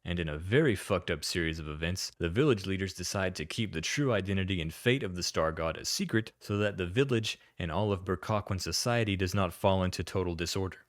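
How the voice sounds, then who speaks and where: A man's voice: deep voice, brisk, hardly any pauses, no room sound. A man narrating a scripted video-game retrospective, with dry, sardonic asides.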